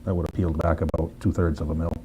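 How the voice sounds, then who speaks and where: A man on the city council, adding a quick, matter-of-fact remark at a candidate forum. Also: sits low, little pitch movement, noisy background.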